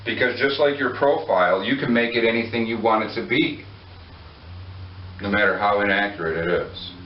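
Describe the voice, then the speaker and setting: Captured far from the mic in an echoey room, this dull lo-fi recording has a little hiss or hum. A man with a voice on the low side preaches to a congregation at normal speed. He keeps it conversational, cracking jokes and putting questions to the people listening.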